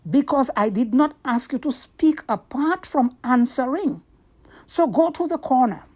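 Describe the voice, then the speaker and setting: A woman voicing a stern female schoolteacher in a storybook, emphatic, drawn-out and commanding. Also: sits high, lively intonation, a little mellow. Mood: accusing. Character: strict, stern female schoolteacher laying down rules.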